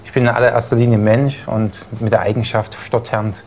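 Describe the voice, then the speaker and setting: In a studio interview, a young man from East Germany talks briskly in a level, mid-range voice, now and then stuttering and often restarting or using fillers. The broadcast recording is dull, with a faint noise floor.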